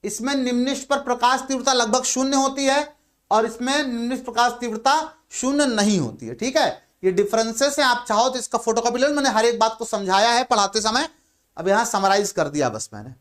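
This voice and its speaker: A man's voice: very high voice, expressive, fairly quick, a bit bright. A male physics teacher giving a lecture, who asks questions, answers them himself and repeats the key terms. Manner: repeats key terms and says "ठीक है" often. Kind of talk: blackboard lecture in Hindi.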